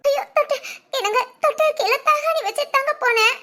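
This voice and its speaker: A woman's voice: very high voice, fairly quick, pushed and bright. A woman voicing a timid young wife in a cartoon, apologetic and stammering with nervous laughs. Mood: pleading. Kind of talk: cartoon voice acting.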